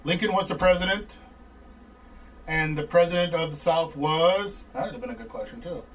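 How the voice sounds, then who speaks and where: A man's voice: on the high side, moderate pace, fairly bright tone. A man hosting a casual podcast, joking and teasing listeners as he runs a trivia giveaway. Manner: wisecracking, teasing. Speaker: podcast host.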